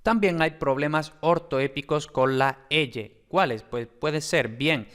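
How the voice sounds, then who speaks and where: A man's voice: on the high side, takes it slowly, fairly bright tone. Man lecturing. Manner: explanatory, many fillers and hesitations. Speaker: phonetics teacher.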